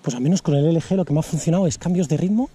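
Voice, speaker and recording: A man vlogging a fishing trip in casual, excitable, slang-filled chatter, recorded outdoors by a river on an action camera. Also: a little high, racing, a little hiss or hum.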